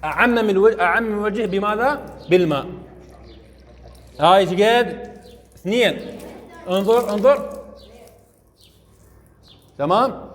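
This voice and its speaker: A man's voice: high voice, measured pace, pauses often, in a large hall. A man with an Iraqi Arabic accent teaching students at a mosque, demonstrating step by step and often checking that they follow. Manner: coaxing, keeps checking understanding. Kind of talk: hands-on religious lesson to students. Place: mosque ablution area.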